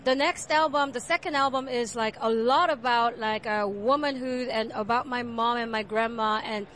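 A woman musician with a Korean accent, answering interview questions about her music, soft-spoken with many fillers. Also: a little high, moderate pace. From South Korea. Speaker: jazz pianist and composer. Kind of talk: interview at a jazz fair.

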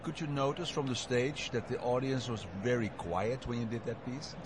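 A man's voice: mid-range voice, normal speed, noisy background. A man interviewing a musician at a jazz fair, asking friendly, chatty questions.

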